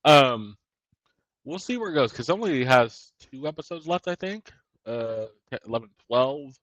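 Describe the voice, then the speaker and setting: A man's voice: medium pitch, animated, measured pace, fairly bright tone, no room sound, poor audio. Rambling male podcast co-host. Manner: rambling, restarts sentences often. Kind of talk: casual chat.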